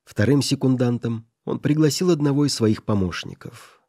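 Brief: male audiobook reader, warm and mellow, dry close recording. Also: medium pitch, moderate pace, no room sound. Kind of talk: scripted audiobook narration.

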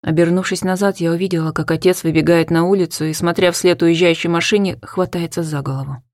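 Woman reading a novel aloud, dramatic, drops to hushed bits, fairly low voice. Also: steady tone, quick pace, dry recording, studio quality. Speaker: audiobook narrator. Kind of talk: scripted first-person narration.

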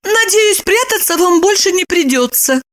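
A woman reading an audiobook and voicing an excitable young woman who quickly turns indignant. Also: very high-pitched, pitched above the performer's own voice. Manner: quick to flare up, exclamatory. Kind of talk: audiobook character voice.

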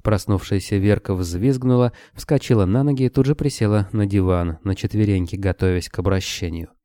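A man narrating a fantasy audiobook with steady storytelling. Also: fairly low pitch, a little fast, no room sound, clean studio sound.

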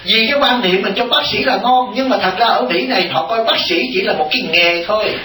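A male Buddhist monk giving an animated, teasing dharma talk, often turning to his audience with questions. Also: high-pitched, a little fast, distant mic. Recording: echoey hall from off-mic.

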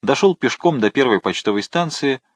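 A man narrating a novel in a steady, measured audiobook reading. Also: mid-range voice, dry recording. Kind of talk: scripted narration.

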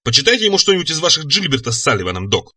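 A man's voice: on the high side, sing-song, racing, bright, forceful tone, husky, no room sound, full character voice. A man voicing a wry young man who speaks in a dry, offhand way.

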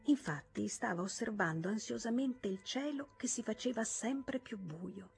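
A woman reading a classic novel aloud as an audiobook narrator, in a measured, even storytelling manner. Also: on the high side, creaky, slightly rough, faint music behind. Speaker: audiobook reader.

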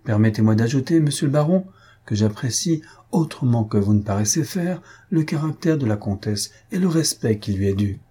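A man voicing a calm, composed count who speaks in a cool, formal way. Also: medium pitch, moderate pace, husky.

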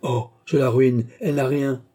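A man's voice: mid-range voice, steady tone, moderate pace, dark tone, slightly rough, lightly acted. A man reading an audiobook, voicing a grasping rogue who talks in a mock-serious, pompous way. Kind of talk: audiobook character voice.

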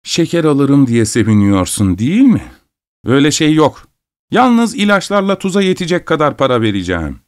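A man's voice: on the high side, big pitch swings, normal speed, pitched above the performer's own voice. Man putting on a stern scolding mother. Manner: scolding, commanding. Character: stern sharp-tongued farm mother, scolding and bossy.

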